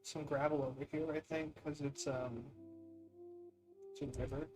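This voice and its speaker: Over music, a young gaming streamer chats casually while playing a block-building game, his slightly high voice keeping fairly even intonation at normal speed. His commentary rambles, and he sounds incredulous as he teases his chat.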